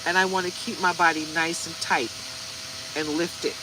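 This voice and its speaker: In this casual vlog, a woman in her forties reads tarot cards while chatting straight to her viewers. She speaks at a normal speed with a lowish voice and fairly even intonation, against a noisy background.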